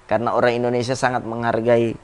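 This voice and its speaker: A man's voice: medium pitch, monotone, darkish tone, clear, resonant tone. A man in his thirties, a former football captain, reflectively telling stories as an interview guest. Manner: reflective, halting with restarts. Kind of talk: casual interview storytelling.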